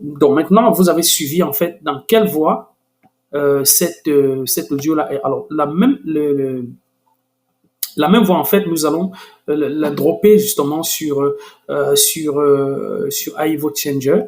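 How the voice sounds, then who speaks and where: Guy doing a screen tutorial, kinda high voice, lots of restarts and ums. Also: a little slow, darkish tone. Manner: hesitant, many restarts and fillers; enthusiastic. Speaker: software tutorial host.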